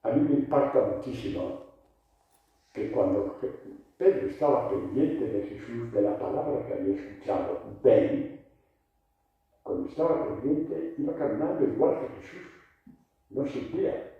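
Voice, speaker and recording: A man preaches a catechesis, his pitch swinging widely as he questions the congregation. He sits at a middling pitch and sounds far from the microphone. The recording is dull and boomy with heavy church echo. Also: moderate pace. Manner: lively, rhetorical, asks the congregation questions. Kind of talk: sermon catechesis. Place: large church. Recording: echoey church, distant dull mic.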